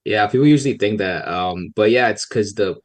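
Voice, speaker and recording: This young policy researcher from Pakistan has a lowish voice as he fields questions on a relaxed podcast. His answers are soft-spoken and tentative, broken by frequent pauses.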